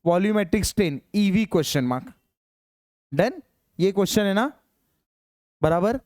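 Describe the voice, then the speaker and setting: Male lecturer, classroom problem-solving, clear high voice, dictates slowly, pushes students to hurry. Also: expressive, a little mellow, no echo, clean studio sound. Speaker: engineering teacher.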